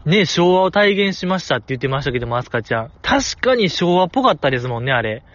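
Animated Kansai man talking outdoors. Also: a little high, fast talker, no echo, dull audio. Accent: Kansai Japanese. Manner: animated, playful, acts out quoted lines. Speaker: host reviewing voice performances. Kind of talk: casual solo talk. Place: outdoors in the cold.

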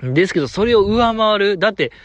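A man with a Kansai accent hosts a solo show, running through fan gossip in an eager, chatty way and chuckling as he goes. His voice sits a little on the high side, and the sound is close and dry with no room around it. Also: lively intonation, fast, dry recording, highs cut off. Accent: Kansai Japanese. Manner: chatty, enthusiastic fan banter with frequent chuckles. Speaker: podcast host.

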